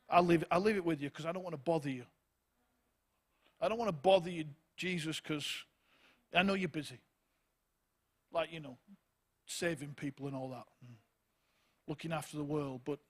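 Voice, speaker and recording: A middle-aged man delivers a sermon with a high-set voice. He is animated and humorous, moving between quiet asides and loud, emphatic bursts. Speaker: guest preacher. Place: church service in a hall.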